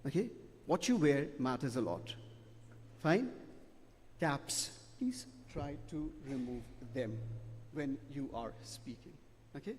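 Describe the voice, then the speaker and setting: A man's voice: mid-range voice, lively intonation, slow, pauses often, a little mellow, a little hiss or hum. A middle-aged man, giving emphatic, repetitive feedback as a debate judge and ending his points with "okay?". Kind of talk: spoken feedback to students. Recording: long hall reverb.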